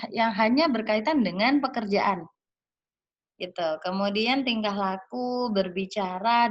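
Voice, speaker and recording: A woman lecturer walks her students through slides. She speaks in a chatty, unhurried way and keeps dropping fillers and tag questions. The recording sounds dull and lo-fi. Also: medium pitch.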